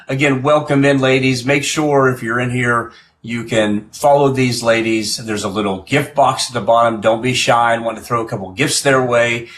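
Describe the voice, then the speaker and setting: Man, medium pitch, informal live-stream host, conversational and somewhat halting, doubles back on phrases. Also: a bit bright, a little hiss or hum. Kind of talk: casual hosting chat.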